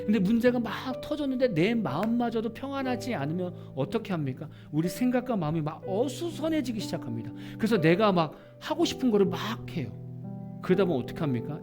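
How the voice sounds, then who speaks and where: A middle-aged male pastor preaching a sermon, asking rhetorical questions and acting out small everyday scenes. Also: high voice.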